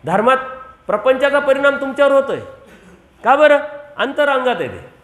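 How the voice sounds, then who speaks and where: A man with a Marathi accent delivers a devotional sermon in a high, carrying voice. He presses his points by repeating phrases and putting rhetorical questions to his listeners. The sound bounces around an echoey room. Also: very animated, normal speed, a bit bright. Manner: rhetorical questions to the audience, emphatic repetition. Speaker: preacher.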